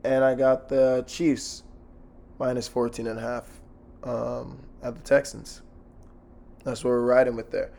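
Hoarse, gravelly man hosting a sports podcast. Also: mid-range voice, little pitch movement, measured pace, long pauses, warm tone. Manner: blunt, slangy, sweary. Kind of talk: casual solo sports betting commentary.

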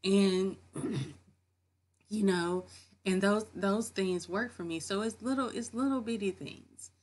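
A woman's voice: medium pitch, slow, a little mellow. A woman vlogging from her home office, giving casual, earnest motivational talk about faith and often repeating her key phrases.

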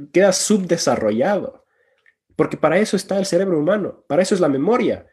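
A man's voice: fairly high pitch, a little mellow, breathy edge. A man speaking as a guest on a discussion panel, arguing emphatically through rhetorical questions. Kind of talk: discussion talk.

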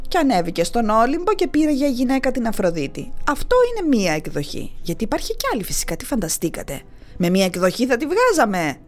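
A woman's voice: fairly high pitch, sing-song, faint music behind. A woman telling comic myths in a chatty, folksy way, talking straight to listeners. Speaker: storyteller. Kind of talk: comic mythology storytelling.

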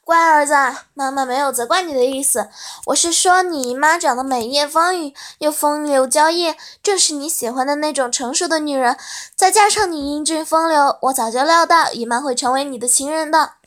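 A woman reading the lines of an affectionate, teasing middle-aged mother in a soft, coaxing way. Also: high-pitched, normal speed.

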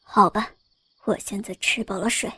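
A woman voicing a teasing young male scholar, speaking low in a breathy half-whisper. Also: fairly even intonation, normal speed, sharp tone, no echo. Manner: sly and teasing. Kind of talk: storybook role-play.

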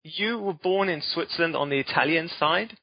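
A man's voice: on the high side, moderate pace, gravelly, no room sound. Man, podcast host, enthusiastic, dry muffled recording. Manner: enthusiastic, easily excited. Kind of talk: interview podcast.

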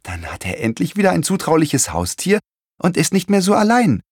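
A man voicing a curious, eager young girl in a storybook reading, with a bright, excited childlike delivery. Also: mid-range voice, brisk, no room sound, studio quality, voice pushed up, close to an everyday voice.

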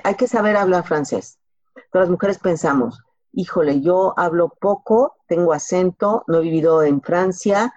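A podcast guest with a Mexican accent and a lowish, warm voice gives career advice. She responds casually and colloquially, with examples and rhetorical questions, and the recording has a slightly dull, lo-fi quality.

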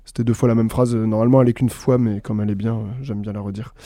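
A man's voice: fairly low pitch, racing, dry recording, studio quality. A man hosting a reading show, chatting casually with fillers before reading texts and his own poems. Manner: relaxed, hesitant fillers, reading aloud. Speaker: host reading books and poems.

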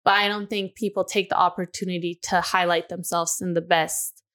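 Speaking in a fairly low, level, somewhat bright voice, a woman in her twenties opens up on a casual podcast she co-hosts. Her confessional, drawn-out reflections keep circling back to "you know" and "like."

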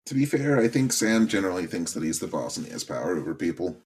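A man's voice: deep voice, big pitch swings, quick pace, a little mellow, husky. A man co-hosting a podcast, giving a casual recap of a TV episode. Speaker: podcast co-host.

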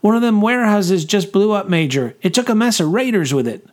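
A man voicing a soot-stained young corporal who reports crisply and eagerly to his commander. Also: high-pitched, expressive, fairly quick, voice pushed up. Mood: eager, urgent. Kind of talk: audiobook character voice.

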